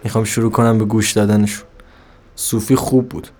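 A man narrating an introspective dramatic monologue in a brooding, halting, bitter way. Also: fairly low pitch, flat delivery, darkish tone.

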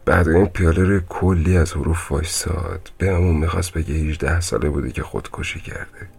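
A man playing a grim storyteller in a horror radio drama, recounting a ghost encounter in a slow, hushed voice that often drops to a whisper. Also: deep voice, steady tone, creaky, slightly rough, full character voice. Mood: dread. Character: grim older man in a hospital, warning a visitor.

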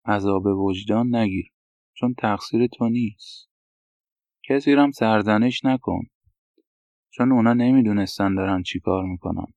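A man's voice: on the low side, long pauses, darkish tone, no room sound, natural voice. A man voicing a frank male doctor who gives direct, matter-of-fact advice. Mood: advising. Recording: dull, dry lo-fi recording.

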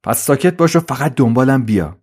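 A man voicing a curious young woman who talks curtly and hushes her companion. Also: medium pitch, lively intonation, husky.

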